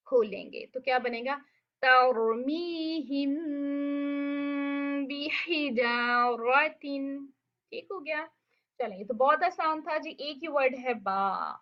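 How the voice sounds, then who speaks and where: High-voiced woman teaching Quran recitation. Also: lo-fi sound. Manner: patient, explains step by step with check-ins; recites Arabic words slowly and demonstrates sounds. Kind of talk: online lesson.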